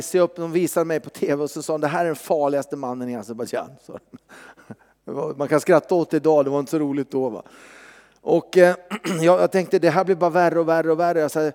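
A man preaches in a high, lively voice, telling a story in a chatty, animated way. His words ring out with the long reverb of a church hall. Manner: animated, conversational, frequent tag questions. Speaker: pastor. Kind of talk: sermon with personal testimony.

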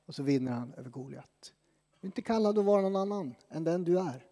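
Pastor in a dark-toned echoing hall. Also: male voice, on the high side, animated. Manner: conversational, self-deprecating preaching with dramatic pauses. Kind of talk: sermon. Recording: long reverb from a church hall.

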